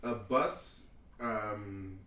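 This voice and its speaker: A Canadian man co-hosting a podcast, chatting casually with animated, swearing energy. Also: fairly low pitch, drawn-out words. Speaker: podcast co-host. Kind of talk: casual group chat. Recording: echoey room, distant mic.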